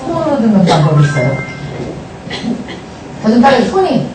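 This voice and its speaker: Lively female lecturer, high voice, animated delivery acting out family scenes, distant mic in a roomy, noisy hall. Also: moderate pace. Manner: animated, acts out family dialogues with the audience. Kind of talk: lively lecture to a live audience. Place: large hall with audience.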